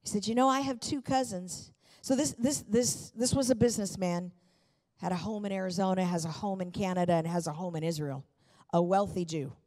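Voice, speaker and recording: With a brisk, steady, mid-range voice and a darkish tone, a middle-aged woman pastor delivers a sermon from the stage of a large church auditorium. Holding a handheld microphone, she shares personal stories emphatically and fervently, using repeated phrases.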